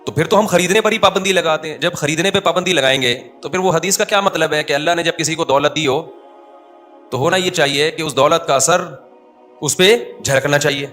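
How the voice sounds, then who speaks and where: A man delivers a sermon in a mosque with a bright, clear voice that sits somewhat high. He talks to the crowd, asking questions and answering them himself. Soft music plays faintly underneath. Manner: scolds listeners who look away. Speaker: mufti giving a mosque lecture.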